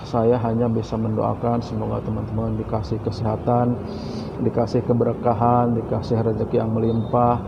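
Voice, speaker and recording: A man casually introduces a video as a channel host. His voice is lowish and very flat, on a slightly dull, noisy recording. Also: normal speed, vocal fry. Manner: repeatedly addresses viewers as friends. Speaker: YouTube host.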